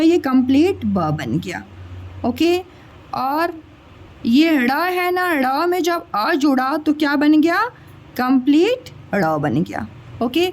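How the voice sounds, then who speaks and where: A woman teacher patiently explaining a grammar lesson to children step by step, often checking that they understand. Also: sits high. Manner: addresses listeners as children.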